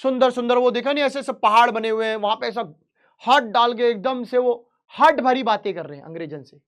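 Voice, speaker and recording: A chatty online teacher walks students through a history chapter, switching between Hindi and English. English sentences come out slow and deliberate, then the explanation rushes on in casual, joking Hinglish, with direct questions to the class. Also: medium pitch, a bit bright. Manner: playful asides and jokes, addresses students directly.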